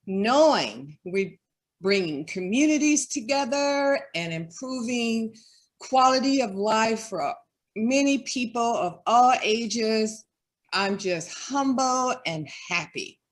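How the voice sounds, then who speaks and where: A woman speaks as a guest in an online interview, earnest and heartfelt. She talks at an unhurried pace. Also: a little high, animated. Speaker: development director.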